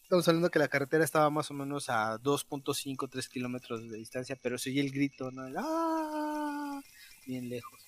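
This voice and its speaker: A man with a Mexican accent telling a spooky story in casual, slangy chat, acting out shouts as he goes. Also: mid-range voice, quick pace. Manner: animated, slangy, mimics shouts while telling a tale.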